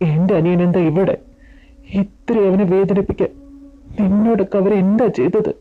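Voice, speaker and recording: A woman's voice: mid-range voice, moderate pace, voice pushed up, natural voice. A woman voicing a protective adult man who angrily confronts the man who hurt his younger brother, for an amateur fan audio drama. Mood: angry. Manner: angry and confrontational. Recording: dull lo-fi audio with faint music.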